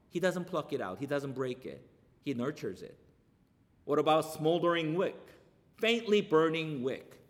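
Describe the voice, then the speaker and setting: A man's voice: on the high side, fairly bright tone, long reverb tail. A male pastor preaching a sermon, talking conversationally and asking rhetorical questions.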